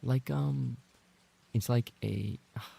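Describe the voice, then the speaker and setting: Taking it slowly, a livestreaming man speaks at medium pitch in a dark-toned, very gravelly, creaky voice. He hosts streams and voices roleplay characters, and here he casually reads and reacts to viewer messages, playfully mock-indignant and sweary, repeating phrases once flustered.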